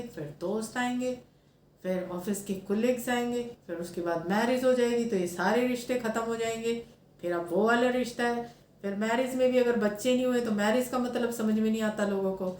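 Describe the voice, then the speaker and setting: A woman's voice: on the high side, moderate pace, darkish tone, reverberant. Woman, 30s, spiritual speaker, earnest reflective talk, English phrases mixed in, faint room hum behind.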